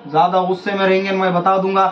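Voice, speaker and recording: A man's voice: high voice, completely flat delivery, quick pace, faint music behind. A middle-aged man preaching to listeners, exhorting them and repeating phrases for emphasis. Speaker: faith healer preacher. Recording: echoey lo-fi room with faint ambience.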